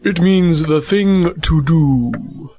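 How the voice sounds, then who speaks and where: A man's voice: a little high, animated, very slow, mellow, full character voice. A man playing pompous Owl. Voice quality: fussy, long-winded, self-important. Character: pompous wise old male owl. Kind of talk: amateur family audio drama.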